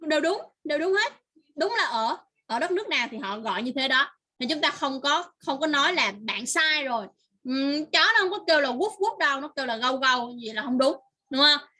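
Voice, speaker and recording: High, bright-voiced teacher on a call. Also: female voice, animated, a little fast. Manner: patient, repeats words and praises answers. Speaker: English teacher. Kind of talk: online lesson for a child.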